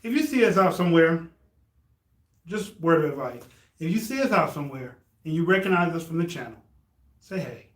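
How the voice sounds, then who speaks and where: A man co-hosting a podcast, telling stories in a lively, slangy casual chat. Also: a little high, brisk, reverberant. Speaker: podcast co-host.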